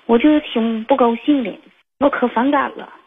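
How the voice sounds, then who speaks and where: This twenty-something caller talks through a personal story with lots of ums and restarts, wandering as she goes. The voice is fairly high with a breathy edge, steady in tone and moderately paced, coming through a tinny phone.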